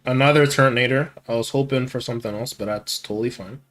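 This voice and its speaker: A young man giving live commentary on his card game, muttering one moment and yelling taunts the next, repeating his hype lines. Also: medium pitch, fairly even intonation, fast, soft background music. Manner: hype, repeats taunting phrases, swings from quiet muttering to shouting. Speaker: gaming channel host. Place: home gaming setup with monitor.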